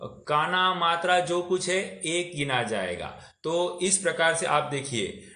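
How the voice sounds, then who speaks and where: A man's voice: a little high, takes it slowly, pushed and bright, echoey room. A man teaching a scripture class, explaining patiently, putting questions to his listeners, and mixing English words into his talk. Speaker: religious teacher.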